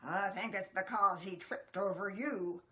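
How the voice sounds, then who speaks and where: A blunt, chatty jungle animal from a storybook, played by a woman. He speaks loudly and emphatically, drawing his words out as he points out what he notices. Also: mid-range voice, a little slow, close to an everyday voice. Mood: blunt concern. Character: chatty male jungle neighbor, bluntly observant friend.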